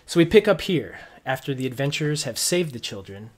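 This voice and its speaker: A man's voice: medium pitch, very animated, fairly quick. A man working as game master, narrating a tabletop roleplaying game informally and piecing descriptions together as he goes.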